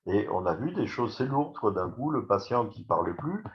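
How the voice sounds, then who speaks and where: A man's voice: fairly low pitch, very animated, normal speed, highs cut off. A man, a neurologist, giving an informal webinar talk, chatty and full of restarts, speaking straight to his listeners. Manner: conversational, many fillers and restarts, addresses listeners directly. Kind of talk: informal lecture.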